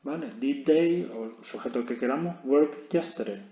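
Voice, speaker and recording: A man's voice: medium pitch, normal speed, dark tone, slight background noise. A man teaching a recorded lesson, explaining step by step and checking in with his students after each point. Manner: explains step by step, constant "¿vale?" check-ins. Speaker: English teacher. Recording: dull, roomy lo-fi recording.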